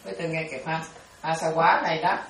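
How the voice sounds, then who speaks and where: A woman gives a Buddhist dharma talk in a low voice. She repeats herself and keeps checking whether her listeners are following. She is picked up from a distance in a very echoey room, with faint background ambience. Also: flat delivery, fairly quick, fairly bright tone, slight background noise. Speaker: Buddhist teacher.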